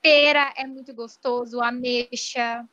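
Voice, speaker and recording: A woman's voice: on the high side, steady tone, measured pace, sharp tone, dull audio. A woman co-hosting a casual podcast chat, teasing and encouraging her friend. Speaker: podcast co-host.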